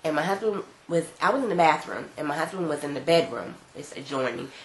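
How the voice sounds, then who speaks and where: A congested mother vlogging from home tells a personal story casually, her deep voice moving fairly quickly as she animatedly acts out the quoted dialogue. The room is echoey, with faint background noise.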